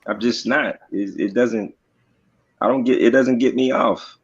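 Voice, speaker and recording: A man's voice: mid-range voice, steady tone, measured pace, breathy edge, lo-fi sound. Laid-back, profane man on a podcast. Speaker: rapper guest. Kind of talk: casual podcast interview.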